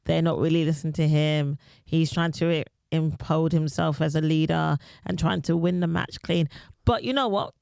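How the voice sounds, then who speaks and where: A woman's voice: low-pitched, fairly even intonation, normal speed, creaky, a little mellow, dry recording. A woman hosting a podcast, giving blunt, dry opinions in casual chat. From London. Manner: blunt, dry, recapping matches. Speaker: podcast host, comedian.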